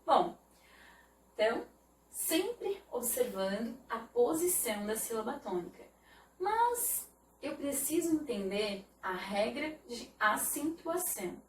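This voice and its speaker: Slow, careful woman teacher, echoey room. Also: on the high side, recorded from a distance, a little hiss or hum. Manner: slow, careful explanation with repeated "né?". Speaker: Portuguese teacher. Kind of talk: online video lesson.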